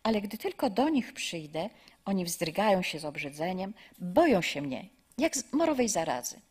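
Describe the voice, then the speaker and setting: A woman voicing Sadness as a gloomy, lonely male figure in a spoken story, complaining in a plaintive, breathy voice. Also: lowish voice, very animated, normal speed, darkish tone.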